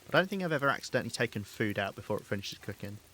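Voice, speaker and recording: Man, Southern English accent, game streamer, bright voice, chatty, easy laughter, faint background noise. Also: lowish voice, expressive, rapid-fire. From England. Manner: chatty, laughs often, answers chat. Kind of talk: casual live-stream chat.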